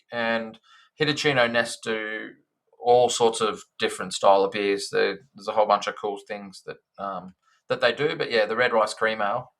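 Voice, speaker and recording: A man's voice: lowish voice, fairly bright tone. An Australian man co-hosting a casual beer podcast, chatty and blunt in his talk. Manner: chatty, blunt, says "mate". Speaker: podcast co-host.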